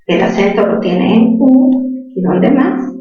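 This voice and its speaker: A woman's voice: a little high, expressive, slow pace, highs cut off, soft background music. Woman teacher, patient question-and-answer style, distant echoey classroom recording. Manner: patient, asks questions and answers them herself. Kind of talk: spelling lesson to students.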